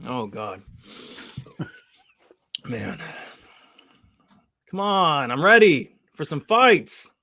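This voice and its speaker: Bright, hyped man hosting a fight stream. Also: fairly high pitch, very animated, extremely slow, vocal fry, pauses often, dry recording. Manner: chatty, hyped, reads chat aloud. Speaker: host of a live fight watch-along. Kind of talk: casual live-stream chat.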